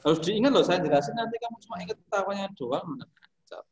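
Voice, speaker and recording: A man's voice: sits high, animated, fast talker, muffled recording, heavy background noise. Joking male music teacher, echoey classroom. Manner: joking, encouraging, explains with examples. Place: school classroom.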